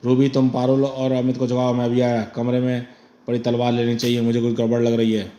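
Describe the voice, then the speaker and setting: A man voicing a decisive young man in a horror comic dub, giving quick orders to his friends. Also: mid-range voice, completely flat delivery, mellow, echoey room, natural voice. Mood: alarmed. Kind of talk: comic audiobook voice acting.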